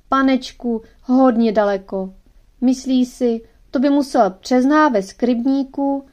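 A woman narrating a children's audiobook in a gentle, measured storytelling manner. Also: a little high.

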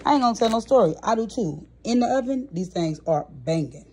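A young woman with a slightly high voice talks fairly quickly as she shows off a grocery haul, holding her phone camera on the items from off camera at home. Her casual listing is relaxed and chatty, sprinkled with fillers, and there's a little hiss or hum.

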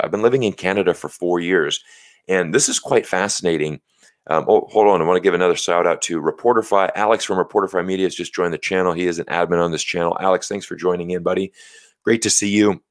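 An American man in his thirties hosts a casual livestream from a small indoor home studio, explaining things earnestly and saying "you know" a lot. His voice is low, captured dry on a large studio mic on a stand close in front of him.

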